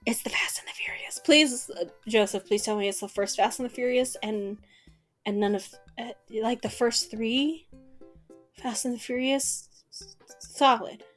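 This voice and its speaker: A playful woman reads a dating game aloud and keeps slipping in jokey commentary between the lines. Her voice sits a little high, with quiet game music running underneath. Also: steady tone. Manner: playful, jokey, quick asides. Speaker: let's-play host.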